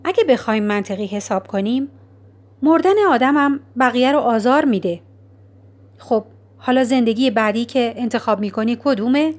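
Brief: woman playing an older lady librarian, soft-spoken but stern, measured storybook reading. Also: on the high side, close to an everyday voice. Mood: calm. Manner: quiet, measured, gently stern. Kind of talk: audiobook character reading.

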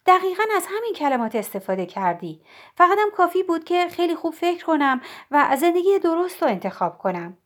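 A woman's voice: very high voice, very animated, a bit bright, pitched above the performer's own voice, full character voice. Woman voicing an anxious pleading young woman. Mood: insistent.

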